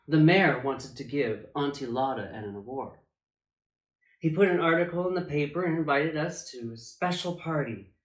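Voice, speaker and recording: A man reading a children's picture book aloud as a drag storytime reader, with theatrical, emphatic phrasing and dramatic pauses. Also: a little high, animated. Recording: echoey room.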